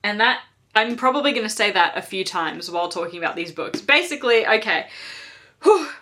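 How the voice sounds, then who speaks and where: A woman's voice: medium pitch, a little fast. A young woman with a slight lisp from a swollen tongue, chatting casually and emphatically about books in a vlog, full of fillers and repetition. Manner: animated, emphatic ranting with frequent fillers. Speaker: book vlogger. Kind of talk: casual reading wrap-up chat.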